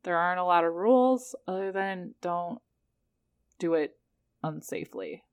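Slightly low-voiced woman chatting on a podcast. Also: expressive, measured pace, smooth. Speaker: podcast co-host. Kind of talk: casual podcast chat.

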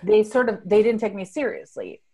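An adult Venezuelan woman whose first language is Spanish speaks English, learned later in life, with a husky, dark, medium-pitched voice. Her delivery is lively and a little fast. As an interview guest she earnestly reflects on her own story, often restarting thoughts and checking in with "right?".

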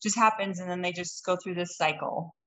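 A woman's voice: lowish voice, steady tone, a little fast, sharp tone, rough recording. A woman from Utah, a podcast guest, telling her own story in a candid, reflective way with frequent ums. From Utah, United States. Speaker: interview guest. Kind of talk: personal storytelling in an interview.

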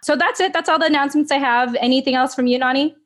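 A woman's voice: high-pitched, fast talker. A woman co-hosting a podcast, chatting casually and laughing often, with a lot of "like" in her speech. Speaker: podcast co-host. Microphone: remote video call.

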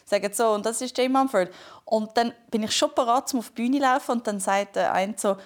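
A woman who talks very fast while she tells a story on a casual podcast. Her delivery is animated and lively. She is heard over a phone call. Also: a little high. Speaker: podcast co-host, comedian.

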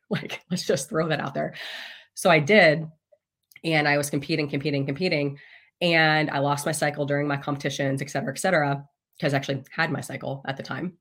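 A woman's voice: low-pitched, steady tone, a little fast, a bit bright. A woman in her thirties, a podcast guest, telling a personal story in a candid, casual way, swearing freely and laughing often.

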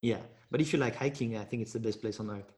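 A man's voice: medium pitch, darkish tone. Hesitant male podcast host. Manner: halting, filler-heavy questions. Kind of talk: podcast interview.

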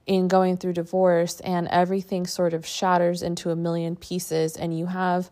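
A woman podcast host and coach giving a reflective personal monologue in short, halting phrases. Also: on the low side, completely flat delivery, warm tone.

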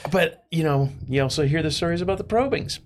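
A man in a casual group podcast chat, playful and quick to laugh. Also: on the high side, animated. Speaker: podcast co-host.

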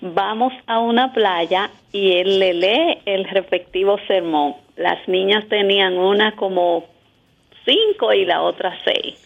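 A married woman, telling an animated anecdote in a casual chat. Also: mid-range voice, takes it slowly, vocal fry, narrow, tinny audio.

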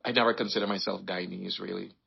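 Very low gravelly male guest voice. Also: quick pace, highs cut off, a little hiss or hum. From Trinidad and Tobago. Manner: relaxed, rambling storytelling with restarts. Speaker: interview guest. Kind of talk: casual conversation.

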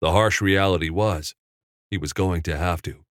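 A man narrating an audiobook in a measured, steady storytelling manner on a close studio mic. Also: sits low, no room sound.

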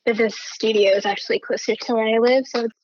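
A woman from the Philadelphia area being interviewed about her art from her studio, speaking hesitantly with many fillers and pauses. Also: fairly high pitch, steady tone, darkish tone, husky, dry recording. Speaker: guest artist. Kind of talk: casual interview. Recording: dull lo-fi remote line, dry.

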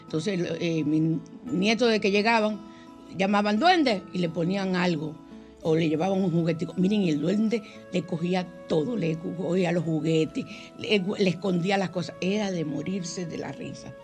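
A woman's voice: on the low side, moderate pace, darkish tone, faint music behind. An older woman hosting a spiritual call-in radio show, chatty, affectionate and emotional. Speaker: radio host.

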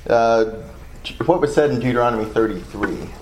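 A man's voice: medium pitch, normal speed, darkish tone, a little hiss or hum, low-quality recording. A man with a Southern US accent leading a Bible study, thinking aloud in a loose, hesitant way as he reads and discusses scripture.

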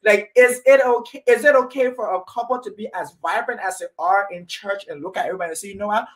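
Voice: medium pitch, fast, fairly bright tone. Casual podcast host; loose, searching questions. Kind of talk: casual interview chat.

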